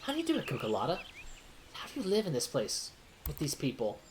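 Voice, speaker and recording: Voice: medium pitch, wildly swooping pitch, fast, slight background noise. A streamer voicing an earnest, troubled archer in a put-on British accent, reading game dialogue aloud.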